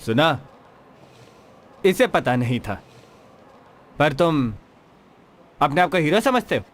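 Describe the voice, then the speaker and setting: A man's voice: fairly high pitch, big pitch swings, slow pace, fairly bright tone, full character voice. A man dubbing a rude young man in a drama, who talks in a confrontational way. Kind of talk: dubbed drama acting.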